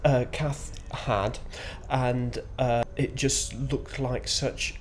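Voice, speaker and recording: A fifty-year-old man with a Shetland accent, giving spontaneous interview answers in a hesitant, halting way with frequent pauses. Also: medium pitch. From Shetland, Scotland. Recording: clear background ambient noise.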